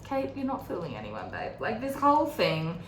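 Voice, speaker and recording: While doing her makeup, a young woman hosts a book readalong, recapping a novel in casual, giggly chatter full of fillers. Her voice is on the low side with huge pitch swings at a moderate pace, in a roomy echo with faint background noise.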